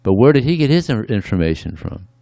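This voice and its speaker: A man's voice: mid-range voice, very animated, quick pace, warm tone, no echo, studio quality. A man giving a conversational devotional sermon, often adding "yeah" between points. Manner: conversational, frequent "yeah" asides. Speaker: speaker at a temple.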